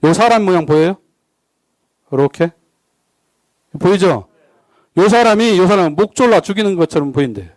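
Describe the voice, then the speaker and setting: High, lively male preacher. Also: moderate pace, long pauses, no room sound. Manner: lively, jokey, keeps asking the congregation questions. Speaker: guest pastor. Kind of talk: sermon. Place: church service.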